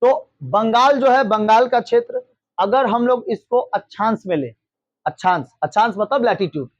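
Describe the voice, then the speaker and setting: High-voiced man drilling a class. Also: normal speed, no echo, highs cut off. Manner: repetitive, drilling questions, mimics regional speech. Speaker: teacher. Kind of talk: classroom lecture with call-and-response.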